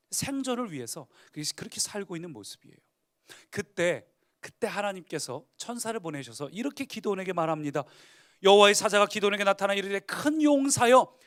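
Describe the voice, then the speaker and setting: A male pastor preaching in a church, telling the story in a lively way and acting out the people he quotes. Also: a little high. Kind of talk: sermon.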